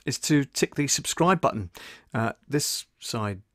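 Expressive and a bit bright, his mid-range voice moves at a measured pace with no echo. In a small soundproofed home studio built in a converted shed, this fifty-something audio producer and stream host talks casually through a tutorial, close on his desk condenser mic.

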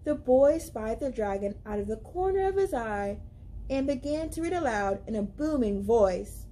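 A young woman reading a children's picture book aloud as a library storyteller, with expressive, deliberate, dramatic emphasis. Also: on the high side, slight background noise. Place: indoors, library among bookshelves.

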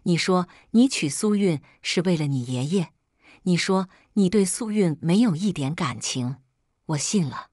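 A delicate, manipulative young man, read by a woman narrator, speaking through tears. The voice sits low and the recording is dry and close. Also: expressive, a little slow, darkish tone, no echo. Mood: tearful. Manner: tearful and wounded.

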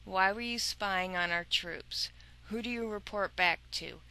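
A woman reading an audiobook, voicing a cruel male dungeon interrogator who mocks and threatens calmly. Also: mid-range voice, a little slow. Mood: menacing. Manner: cold, mocking, growling threats.

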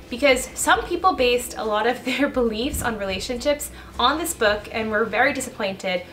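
Young woman, casual vlog commentary, fast chatty talk, bright tone. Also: on the high side. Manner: fast, chatty, laughing asides. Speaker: YouTuber and blogger.

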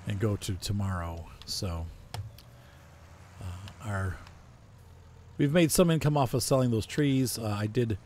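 A man's voice: on the low side, animated, measured pace, long pauses, a little mellow. A man casually talking through a farming simulator playthrough, thinking aloud with frequent fillers. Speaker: gaming video host. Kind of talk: casual farming-sim commentary.

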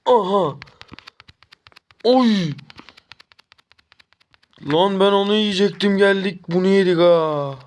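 A young man from Turkey gives running commentary on his mobile game, goading enemies and calling out plays. His voice sits a little high and sounds smooth and clear. He turns excitable when he gets close to a kill. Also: slow, pauses often. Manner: taunting, trash-talking the enemy; excitable, jumps up when chasing. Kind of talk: live gameplay commentary.

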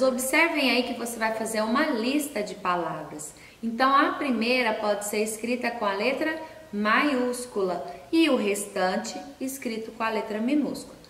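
A woman's voice, on the high side and a bit bright, guides young children through a recorded class. Slowly and patiently she spells out letters and syllables, posing questions she then answers. Echo fills the room and the mic sits far from her.

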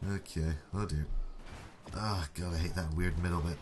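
A man's voice: deep voice, steady tone, moderate pace, background noise. A young man giving casual, sarcastic running commentary over a car-football game, mocking himself and his teammates. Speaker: gaming YouTuber.

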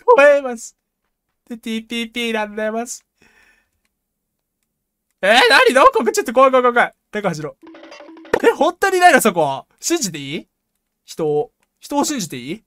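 Jumpy, high-voiced woman streaming a game. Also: fairly quick, long pauses, dry recording, studio quality, faint music behind. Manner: jumpy, excitable self-talk, rough slangy speech, frequent laughs. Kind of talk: live gameplay commentary.

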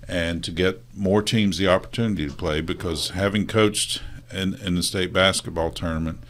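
A middle-aged man from West Virginia, a union president guest on a local talk show, talking in a halting, earnest way with many restarts. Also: deep voice, steady tone, a bit bright. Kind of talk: casual studio talk show interview.

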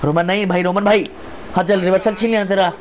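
A man giving excited, chatty play-by-play of a wrestling video game like an informal commentator, often repeating his phrases. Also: high voice, fast, a little hiss or hum. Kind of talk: excited casual gameplay commentary.

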